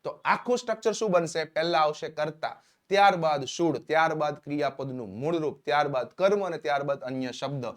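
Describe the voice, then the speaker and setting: A man leads a spoken English lesson in a fairly high voice. He keeps things upbeat, cueing each new example and spelling out the English sentences slowly, word by word. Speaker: English teacher.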